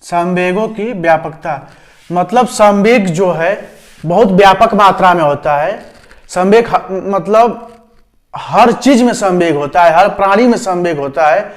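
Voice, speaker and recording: A man from India teaching a lesson for a teacher-training exam, repeating key terms and often checking that students follow. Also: sits high. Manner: repetitive explaining, frequent "समझ गए?" checks. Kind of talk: exam-prep lecture.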